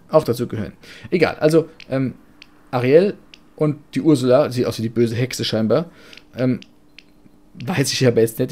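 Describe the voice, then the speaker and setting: A man's voice: medium pitch, a little mellow. A man from Germany giving chatty, rambling, blunt and jokey commentary while playing a life-sim game. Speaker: let's play gamer. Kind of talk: casual gameplay commentary.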